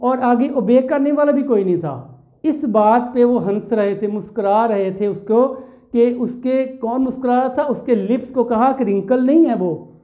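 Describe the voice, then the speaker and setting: A man from Pakistan with a Pakistani accent, giving a classroom lecture on a poem. He explains step by step, repeats his phrases and mixes English terms into his talk. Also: very high voice. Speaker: teacher. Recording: tinny phone-like lo-fi sound.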